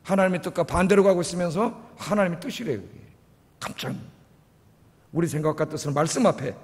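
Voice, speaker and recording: A middle-aged male pastor preaches with a sore throat, pressing the congregation with rhetorical questions. His voice sits high and swings widely in pitch. It rings with a long reverb through the sanctuary. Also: animated, brisk. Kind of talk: sermon. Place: church sanctuary. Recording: long church-hall reverb.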